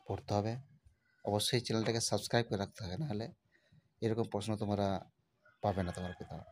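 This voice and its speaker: Woman exam-prep teacher, very deep voice, fast and repetitive, coaxing students along. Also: a little mellow, a little hiss or hum. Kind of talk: casual exam tips to students.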